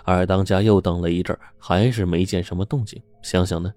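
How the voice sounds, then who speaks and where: Low, mellow male storyteller. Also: a little fast, dry recording. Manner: steady, suspenseful telling. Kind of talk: scripted story narration.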